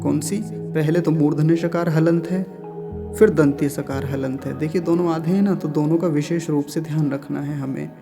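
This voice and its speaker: A man's voice: fairly high pitch, steady tone, normal speed, vocal fry, over music. A man teaching Sanskrit mantra pronunciation, patiently repeating each syllable and explaining sounds carefully.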